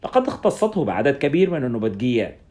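A man's voice: medium pitch, big pitch swings, fast talker, darkish tone. A man reading a first-person story aloud in a scripted audiobook narration.

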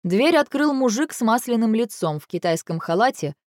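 A woman narrating an audiobook in a steady, measured way. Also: on the high side, no echo, studio quality. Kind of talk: audiobook reading.

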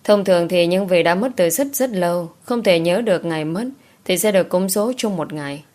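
A woman narrating a romance novel as an audiobook in an even storytelling manner. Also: on the low side, brisk.

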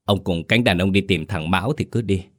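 A man's voice: sits low, a little fast. A man voicing an elderly village mother in a ghost story audiobook, stammering and wailing in a raised voice. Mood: firm.

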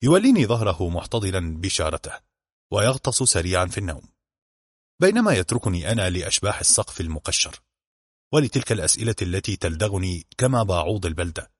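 A man narrating a novel as an audiobook, in a measured, literary reading. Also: low voice, very animated, slightly rough, dry recording, studio quality.

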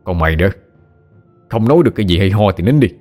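A man voicing a firm older village man calming a quarrel, in a read-aloud ghost story. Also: sits low, very fast, faint music behind. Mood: admonishing. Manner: firm, admonishing.

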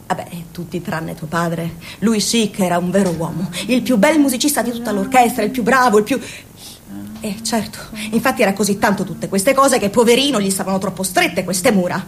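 An actress in a radio play portrays an overbearing mother of two grown children, swinging dramatically from bitter scolding to doting, cooing affection. Her medium-pitched voice is brisk and close to an everyday sound, with a faint hiss or hum in the recording.

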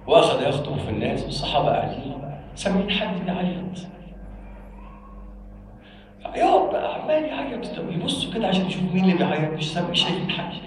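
A man with an Egyptian accent preaching a Friday sermon. He tells a story and builds up to shouted exhortation. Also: on the high side, recorded from a distance, a little hiss or hum. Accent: Egyptian Arabic. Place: large mosque. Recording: echoey mosque from afar.

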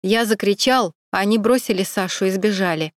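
Женщина читает спокойного оператора-мужчину. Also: female voice, mid-range voice, brisk, dry recording, studio quality, lightly acted. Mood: calm. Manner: soothing, matter-of-fact. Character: male cameraman, calm and reassuring.

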